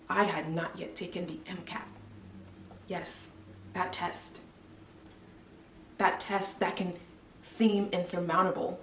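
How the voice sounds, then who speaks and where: A woman in her twenties from Cameroon, a medical student giving a measured, earnest motivational speech with deliberate pauses. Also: mid-range voice, far from the mic, slight background noise. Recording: roomy echo, voice away from the mic.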